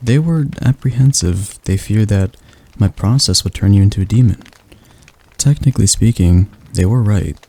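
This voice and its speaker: In an ASMR roleplay, a man voices a gentle male demon tutor with a dark, mellow, lowish tone and vocal fry. He speaks softly and slowly with a slight stutter, soothing and reassuring all the way through.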